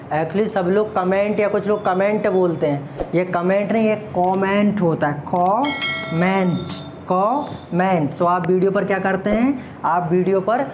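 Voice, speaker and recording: An English pronunciation teacher from India giving a lesson in Hindi, quizzing the listener and then repeating each word slowly and deliberately. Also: mid-range voice, background noise.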